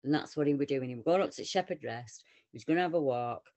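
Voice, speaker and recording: A woman with a Northern English accent, co-hosting a casual round-table podcast chat and telling stories in an animated way. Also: very deep voice, quick pace. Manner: animated, lively storytelling with quoted voices. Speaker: podcast co-host.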